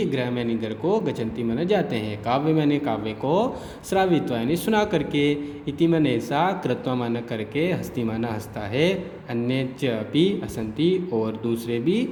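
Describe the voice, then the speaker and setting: A man's voice: medium pitch, darkish tone. Echoey male teacher. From India. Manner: explains Sanskrit line by line with Hindi glosses, keeps asking "ठीक है". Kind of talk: online class lesson. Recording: echoey room with faint hiss.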